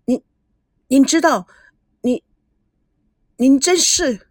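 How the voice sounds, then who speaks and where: A woman voicing a shy young man who stammers and hesitates, with a breathy, dry sound. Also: a little high, expressive, measured pace, no echo. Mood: nervous.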